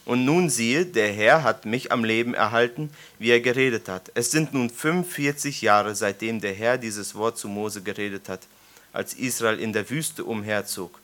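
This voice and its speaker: This preacher, in his thirties, has a lowish, slightly bright voice and talks at a normal speed. He leads his congregation's Bible study with an informal sermon, reading scripture aloud and joking through questions.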